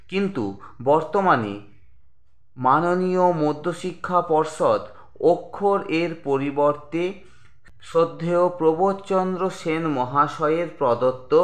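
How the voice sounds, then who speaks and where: A man gives a grammar lesson at a very unhurried pace, drawing out each term. His voice sits a little high and rings bright, and the room adds a clear echo around it. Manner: deliberate, spells out syllables, addresses viewers as friends. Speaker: grammar teacher. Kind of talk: slow explanatory grammar lesson.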